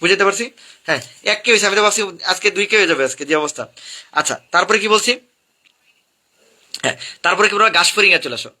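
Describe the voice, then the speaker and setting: A young man runs a live exam review class, rattling through topic after topic. His voice sits high and bright. He hammers each point home by repeating it to his students. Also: animated. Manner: rapid, repetitive drilling of topics to students. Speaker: admission exam coach.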